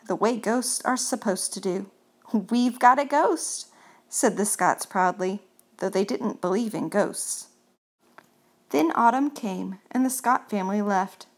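Slow, calm woman reading a picture book. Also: fairly high pitch. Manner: calm, clear storytelling. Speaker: reader.

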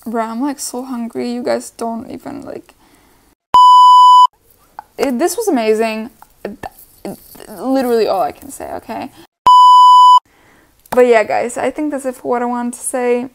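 A woman's voice: a little high, a little slow, pauses often, heavy background noise. A young woman hosting a casual reaction vlog, chatty and profane, often making fun of herself. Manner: chatty, profane, self-mocking. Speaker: reaction channel host.

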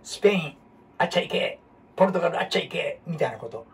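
A man with a Kansai accent, hosting a casual history talk as an animated storyteller who jumps between topics and asks rhetorical questions. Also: fairly high pitch, fast. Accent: Kansai Japanese. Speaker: host. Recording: husky voice from far off the mic.

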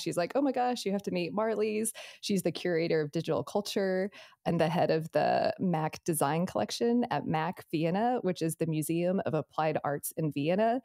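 Enthusiastic woman podcast host, gravelly low. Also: darkish tone, no echo, studio quality. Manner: enthusiastic, many fillers in chat. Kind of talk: scripted intro then casual chat.

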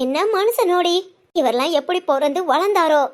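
A woman's voice: very high-pitched, animated, moderate pace. A woman voicing a worried middle-aged village mother in a cartoon family drama, complaining and rambling on the phone. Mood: lamenting.

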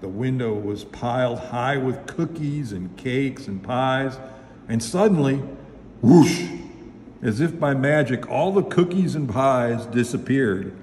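A man's voice: mid-range voice, a little slow. Man reading a picture book in a hall. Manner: lively, expressive storytelling. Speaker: storybook reader, local official. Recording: echoey hall, faint noise.

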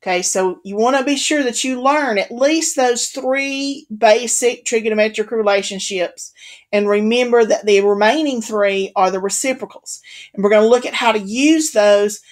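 A woman with a somewhat high voice explains trigonometry in a recorded lecture. She is patient and steady, circling back to key points and checking in with an "okay" now and then. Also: normal speed. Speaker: math instructor.

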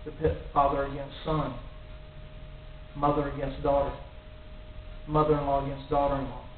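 In a small church room facing a cross, a middle-aged lay preacher speaks into a nearby stand mic, his mid-range voice flat and at normal speed. His earnest sermon builds to emphatic warnings. The audio comes across tinny and echoing, distant, with a faint hiss.

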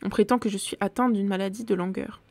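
A woman's voice: medium pitch, steady tone, fast, a little mellow, dry recording, lightly acted. A woman reading as a languid vampire girl. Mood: weary. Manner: languid, murmuring.

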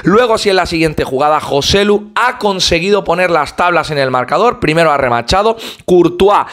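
A man with a fairly high voice delivers a match recap as a voice-over. He talks fluently and gives opinionated football analysis, pausing now and then on an "eh". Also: animated, a bit bright. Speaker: fan channel host.

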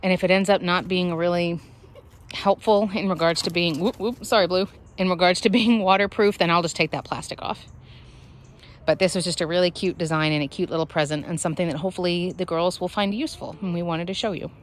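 Speaking fairly quickly with fairly even intonation, a woman vlogs about her backyard chickens on a handheld phone, children present, explaining the construction and sing-songing to her hens in a high voice. A little hiss or hum sits under the audio.

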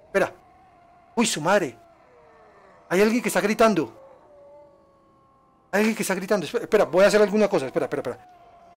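A man streaming a game live, chatting with viewers and yelping in excitement at enemies. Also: sits high, a little fast, long pauses. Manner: excitable, yelps and laughs at danger, chats with viewers. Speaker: gaming streamer. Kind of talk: live gameplay commentary.

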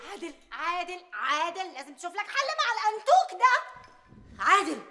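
A woman's voice: very high-pitched, sing-song, fairly quick, pushed and bright, slight background noise, heavily acted. An actress with an Egyptian accent playing the bossy, nagging mother of the household. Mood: insistent. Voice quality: insistent, nagging. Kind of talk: sitcom acting.

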